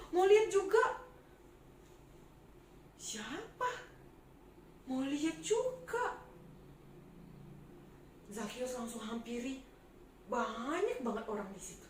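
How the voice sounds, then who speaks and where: Woman, Sunday school teacher, animated children's storytelling, unhurried, roomy sound. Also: on the high side, a little hiss or hum. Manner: animated, asks children questions.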